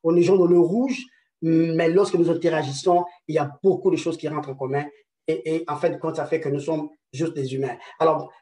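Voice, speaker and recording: Halting male conference speaker, roomy and distant. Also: on the high side, fairly even intonation, dark tone. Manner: hesitant, many repeated words and fillers; rhetorical "n'est-ce pas" tags. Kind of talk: presentation lecture.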